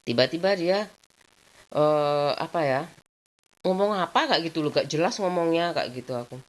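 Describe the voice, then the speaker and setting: A low-pitched woman vlogger, talking casually about her own life. She rambles in a chatty way, circling back with the same filler phrases. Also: expressive, moderate pace. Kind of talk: casual personal storytelling.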